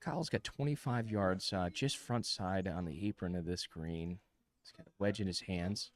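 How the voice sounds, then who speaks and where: A man giving play-by-play golf commentary in a measured broadcast manner, full of course jargon. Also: sits low.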